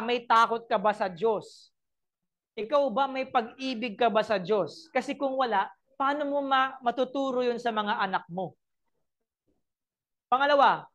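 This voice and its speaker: A woman with a Filipino accent preaching a sermon, mixing Tagalog and English and asking her listeners rhetorical questions. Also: fairly high pitch. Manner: switches between Tagalog and English, asks the congregation rhetorical questions; emphatic, acts out short everyday scenes.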